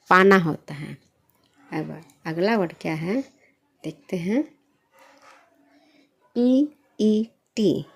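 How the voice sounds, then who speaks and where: A young woman with a low, mellow voice teaches a beginners' English reading lesson. She spells each word out slowly, asks what it is read as, and answers herself in a patient, repeating way. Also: creaky.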